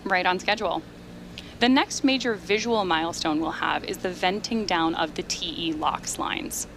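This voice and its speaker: A woman giving measured, explanatory live commentary as the host of a launch webcast. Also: lowish voice, creaky, fairly bright tone, slight background noise.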